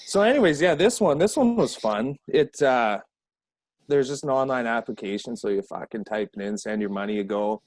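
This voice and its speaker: A man's voice: medium pitch, expressive, normal speed, no room sound. A man from Alberta, Canada, a guest hockey player, telling rambling stories in casual podcast chat and swearing constantly.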